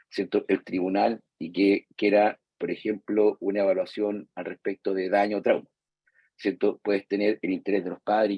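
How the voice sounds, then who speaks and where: With a lowish, husky voice captured in a muffled recording without echo, a Chilean psychologist addresses therapists in a live lecture. His Chilean Spanish delivery is chatty, full of acted-out patients and parents, and he regularly checks in with a "¿cierto?"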